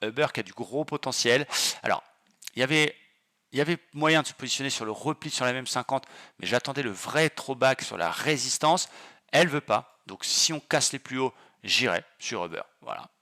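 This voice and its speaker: Bright-voiced excitable trader. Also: male voice, mid-range voice, normal speed. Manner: enthusiastic, exclamatory, many fillers. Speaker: trading channel host. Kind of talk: casual chart commentary.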